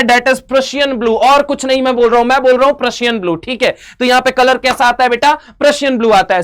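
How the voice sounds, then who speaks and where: High-pitched, energetic Indian chemistry teacher. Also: male voice. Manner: energetic, asks and answers his own questions, calls students "beta"; mixes Hindi with English terms, uses mnemonics and jokes. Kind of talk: exam-prep lecture.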